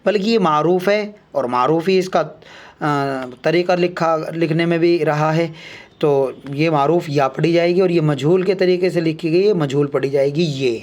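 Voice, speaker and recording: A young adult man teaching an alphabet lesson, reciting letters one by one and explaining each slowly and deliberately. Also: fairly high pitch, a little mellow. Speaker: Urdu teacher.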